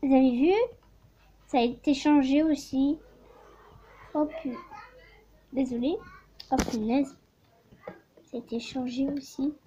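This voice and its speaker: A woman's voice: high voice, steady tone, a little slow, long pauses, warm tone, lo-fi sound. A young woman chatting over her gameplay, giggly, trailing off, and complaining that she is losing her voice. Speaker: gaming vlogger. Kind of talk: casual gameplay commentary.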